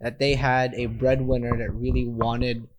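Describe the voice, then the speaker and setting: A man's voice: medium pitch, little pitch movement, normal speed, background noise. A young man in casual podcast chat, slangy and emphatic with heavy swearing, speaking into a handheld mic. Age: young adult. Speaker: podcast host. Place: small plain room, indoors. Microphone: handheld microphone held close.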